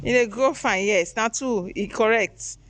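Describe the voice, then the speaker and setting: A woman's voice: on the high side, measured pace, a bit bright. A woman with a Sierra Leonean Krio accent chatting casually as a mother in her garden, repeating short instructions to children. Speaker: mother hosting a home cooking vlog. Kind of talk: casual chat, coaxing children and showing the garden. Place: small home garden, outdoors.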